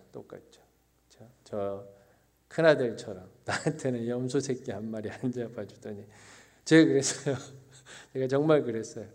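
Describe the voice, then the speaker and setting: Korean man preaching a personal sermon. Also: mid-range voice. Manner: lively storytelling that turns slow and reflective; self-mocking, laughs at his own story. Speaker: pastor.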